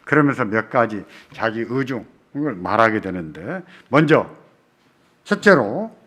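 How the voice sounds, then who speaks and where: A man preaching a Sunday sermon as pastor, emphatic, swinging from loud calls to soft, hushed pleas. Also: medium pitch, big pitch swings, unhurried. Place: church sanctuary.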